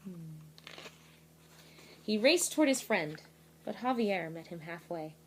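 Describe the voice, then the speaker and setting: A woman teacher reading a picture book aloud to her students, expressive, pausing to explain words. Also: lowish voice, a little hiss or hum.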